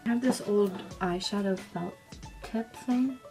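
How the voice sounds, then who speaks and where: A young woman talks her way through a makeup look in an unhurried, chatty vlog voice, with a gravelly edge of vocal fry under her words. She slips into whispers every so often, and music plays behind her. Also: mid-range voice, mellow. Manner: chatty, drifting into whispers now and then. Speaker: beauty vlogger. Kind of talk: casual makeup vlog chat.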